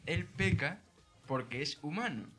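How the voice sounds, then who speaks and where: A man's voice: on the high side, animated, measured pace, a bit bright, soft background music. A man telling a crude comic story, laughing and swearing as he goes. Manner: swears freely, laughs through his own story. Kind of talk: casual comedic storytelling.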